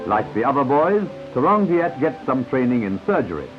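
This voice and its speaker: A man narrates an old newsreel in a confident announcer voice, his pitch rising and falling with lively swings. The sound is dull and lo-fi, like a 1950s newsreel soundtrack, with music playing clearly underneath. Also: moderate pace. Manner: confident announcer delivery with asides to the viewer.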